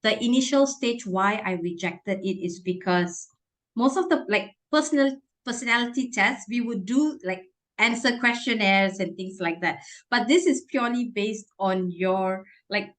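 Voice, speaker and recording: A woman's voice: medium pitch, moderate pace. Woman podcast host, thoughtful questions. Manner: searching for words, frequent restarts. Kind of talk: casual conversational interview.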